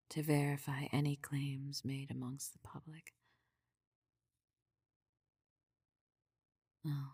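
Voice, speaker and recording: Woman playing a deep, breathy possessive queen, whispered role-play. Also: darkish tone, no echo, studio quality, exaggerated voice. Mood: commanding, smug. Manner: formal, measured, controlling. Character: possessive, devoted necromancer queen, regal and soft-spoken.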